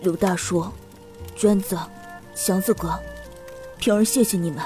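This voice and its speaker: A man voicing a timid, grateful poor boy of about eleven who speaks haltingly and shyly. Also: high voice, fairly even intonation, warm tone, soft background music, voice pushed up. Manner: halting, shy, stammering. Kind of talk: storytelling with voiced characters.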